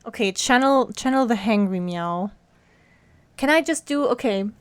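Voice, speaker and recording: A woman with a slightly high, expressive, smooth voice speaks a little slowly while streaming a video game. She chats casually with viewers, giggles often, and talks to her cat.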